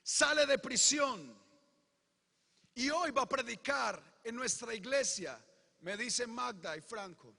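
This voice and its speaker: A man preaching his testimony in a very high, bright, tense voice. He moves between hushed retelling and fervent shouting. His words ring with the long reverb of a large church hall. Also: animated, takes it slowly, gravelly. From Colombia. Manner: impassioned, swinging from hushed storytelling to shouted proclamation. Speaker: pastor.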